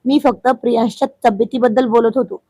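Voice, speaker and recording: A proud village husband with a short temper, stern and threatening, as a woman narrator puts him on. The voice stays fairly high, unlike a man's, and the recording is dry and close. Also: fairly even intonation, fast, warm tone, no room sound. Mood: angry.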